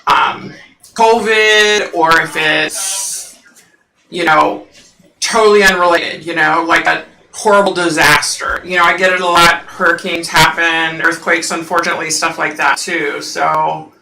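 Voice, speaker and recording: This psychic host's scratchy, husky voice is fairly low, with fairly even intonation, vocal fry, a measured pace, and a bright, forceful tone. She rambles in casual, filler-filled chat with viewers on her home livestream. She's recorded far from the mic in a roomy space.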